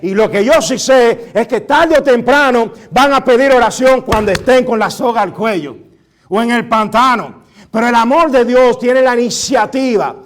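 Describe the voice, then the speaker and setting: A male pastor with a notably high voice delivers a sermon. He draws out his key words slowly and swings from soft, confiding asides to loud, emphatic declarations. Now and then he speaks casually to the congregation. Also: slight background noise. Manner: preaching with drawn-out emphatic words, shifting from hushed to loud.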